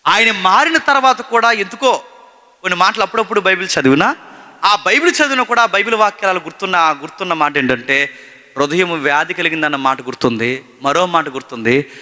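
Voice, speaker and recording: High bright-voiced male preacher, hall echo. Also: lively intonation, brisk. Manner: swings between loud emphatic questions and hushed storytelling. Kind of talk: sermon. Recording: long hall reverb.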